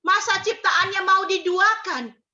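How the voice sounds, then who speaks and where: A woman's voice: very high voice, measured pace, bright, forceful tone, muffled recording. A middle-aged woman preacher giving an emphatic sermon, asking rhetorical questions and mixing in English phrases.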